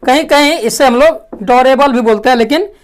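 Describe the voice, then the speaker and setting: A woman teaching a language lesson, asking questions and answering them herself, clearing her throat often. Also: high voice, a little fast. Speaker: English teacher. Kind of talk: classroom lesson.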